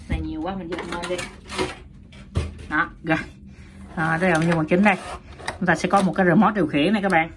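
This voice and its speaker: A woman's voice: on the low side, fairly bright tone, slight background noise. A woman reviewing and unboxing a toy in a chatty, casual way, often addressing viewers and laughing at herself.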